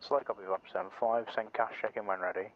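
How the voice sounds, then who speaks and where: A man's voice: fairly low pitch, steady tone, rapid-fire, muffled recording, a little hiss or hum. A man speaking over a radio as an air controller in a military game, terse and formal, using clipped radio procedure. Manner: terse, formal call-and-response.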